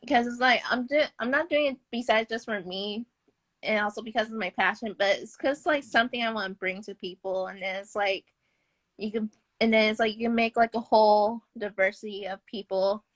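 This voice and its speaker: A woman's voice: on the high side, fairly quick, no room sound. A young adult woman chatting casually on a live stream as a guest, upbeat and rambling and laughing often. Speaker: podcast guest, game developer.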